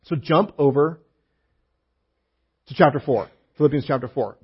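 A man's voice: on the high side, normal speed, husky, muffled recording. A man preaching a sermon as a pastor, reading scripture aloud and explaining it with casual asides and humor.

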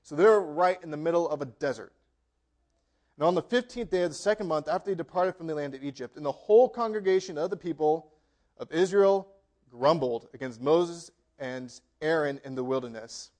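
High-voiced man preaching casually. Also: a little fast, darkish tone. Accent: American. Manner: conversational preaching, frequent asides of "right?" and laughter. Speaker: pastor. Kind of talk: sermon.

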